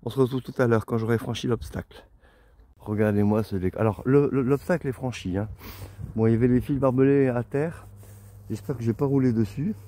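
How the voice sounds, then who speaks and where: A middle-aged man with a dark, mellow voice rambles happily to a handheld camera while walking outdoors. His talk is loose and chatty, full of little exclamations of wonder. Faint animal sounds drift in from the open countryside behind him. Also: mid-range voice, a little fast, no echo. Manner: chatty, rambling, easily amazed. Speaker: walking pilgrim vlogger. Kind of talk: casual vlog narration while walking.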